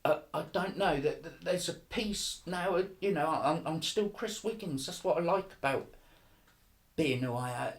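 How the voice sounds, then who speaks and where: A middle-aged man, giving an earnest personal faith testimony, halting and often repeating his words. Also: on the high side. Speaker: testimony speaker.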